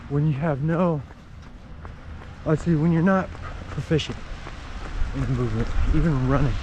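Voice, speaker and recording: A man's voice: on the high side, moderate pace, darkish tone, highs cut off, slight background noise. A man vlogging while jogging outside in the rain, explaining things casually in short, broken phrases. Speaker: running vlogger. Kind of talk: casual explanatory vlog talk while running. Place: outdoors on a run in the rain.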